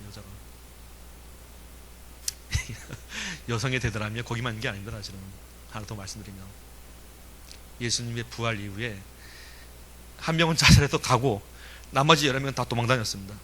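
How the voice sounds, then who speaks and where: A male pastor preaches with a bright, forceful voice that swings between loud emphasis and soft asides. He asks his listeners questions and chuckles now and then. Faint hiss runs under the recording. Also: mid-range voice. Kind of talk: sermon.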